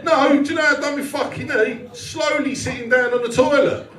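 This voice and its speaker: Performing stand-up before a live audience in a small indoor venue, a 40-something man speaks with an extremely high, fairly bright voice, brisk and fairly even in intonation. He's profane and direct, self-mocking as he chats with the crowd, heard through a far-off mic amid roomy club noise.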